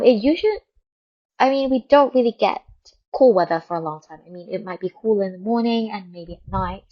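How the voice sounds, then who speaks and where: A Thai woman hosts a radio show, chatting casually and rambling through a news update while repeating words for emphasis. Her voice is mid-range and the sound is lo-fi.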